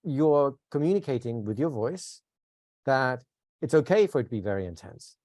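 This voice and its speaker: A man teaching a live workshop, talking conversationally, asking the class questions and shifting into a calm, soothing voice to demonstrate. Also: medium pitch, moderate pace, no echo. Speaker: instructor.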